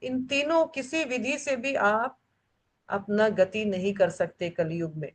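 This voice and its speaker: A woman's voice: medium pitch, takes it slowly. A woman leading a devotional scripture class, stressing points by repeating them and mixing English words into her talk. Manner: emphatic, repeats key phrases three times. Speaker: devotional study group leader.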